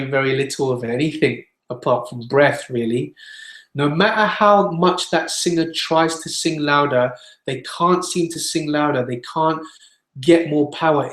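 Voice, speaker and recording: A man teaching singing in an online webinar, explaining patiently and demonstrating scales. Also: on the high side. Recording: echoey room.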